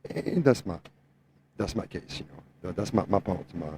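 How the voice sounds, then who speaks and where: A man's voice: low-pitched, animated, moderate pace, background noise. A middle-aged man from France, a native French speaker with a French Tennessee accent, giving his opinions on a podcast in emphatic, repetitive, non-native English. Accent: French mixed with Tennessee. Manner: emphatic, repeats phrases, non-native grammar. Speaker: guest truck driver, owner operator.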